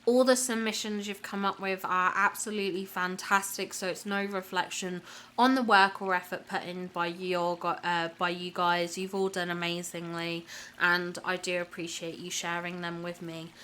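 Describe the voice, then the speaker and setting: A woman's voice: lowish voice, level tone, normal speed, fairly bright tone. A woman hosting a casual video review, slightly sniffly with a cold, gushing with praise as she comments. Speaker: channel host.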